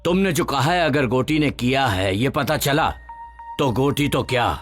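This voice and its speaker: An actor dubbing a tough police officer who scolds and gives orders. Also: male voice, medium pitch, measured pace, lightly acted. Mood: commanding. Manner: commanding, scolding. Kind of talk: Hindi dubbed action film. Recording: film dub with background music.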